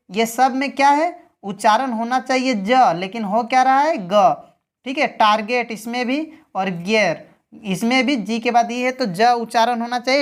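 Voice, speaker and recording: A woman teacher explaining English pronunciation rules step by step. She asks her viewers questions, answers them herself, and ends nearly every sentence with "okay". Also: on the high side.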